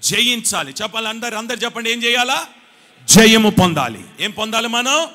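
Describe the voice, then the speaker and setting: A male pastor preaching a Sunday sermon. He tells his story quietly, then builds to shouted calls and urges the congregation to answer him. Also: very high-pitched, fast talker. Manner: rises from quiet storytelling to shouted exhortation, urging the congregation to respond. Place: church hall. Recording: live sermon with long hall reverb.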